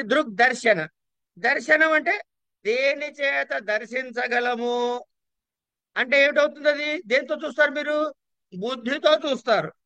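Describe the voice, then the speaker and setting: A male teacher lectures on yoga philosophy with a high, ringing voice. He keeps asking his listeners questions and then answering them himself, with a lively delivery. The sound is close and dry. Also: no echo. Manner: asks and answers his own rhetorical questions; lively, acts out everyday voices in quotes. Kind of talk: classroom lecture.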